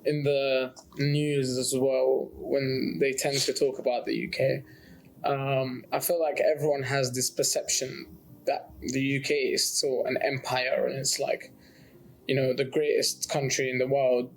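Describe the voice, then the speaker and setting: A man's voice: mid-range voice, flat delivery, a little slow, low-quality recording. A young man from Jordan, a student, chatting casually and telling stories with many restarts. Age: young adult. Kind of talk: casual discussion.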